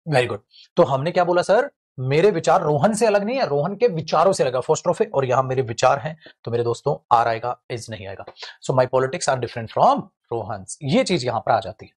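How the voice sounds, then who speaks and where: A man teaching English grammar in a lively, joking classroom lecture, calling his students friends and brothers. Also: medium pitch, moderate pace.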